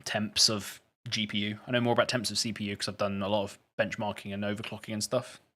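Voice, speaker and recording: A man's voice: on the low side, little pitch movement, fast, sharp tone. A man chatting casually on a live stream, reading out and answering viewer questions. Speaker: gaming streamer.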